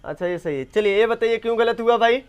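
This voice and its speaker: A young man teaching an English grammar class, quizzing students and repeating sentences slowly. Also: very high-pitched, clear, resonant tone. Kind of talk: classroom lesson.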